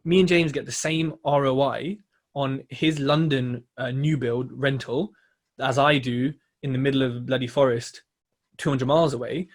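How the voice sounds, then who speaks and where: A man co-hosting a podcast in casual chat, explaining his reasoning step by step in a measured way with many fillers. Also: medium pitch, steady tone. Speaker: podcast co-host, property investor.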